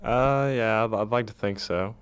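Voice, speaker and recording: A man's voice: fairly low pitch, moderate pace, slight background noise. A man from Arkansas with a Southern American accent, chatting politely and agreeably as a guest in a casual interview. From Arkansas, USA. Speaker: radio show guest.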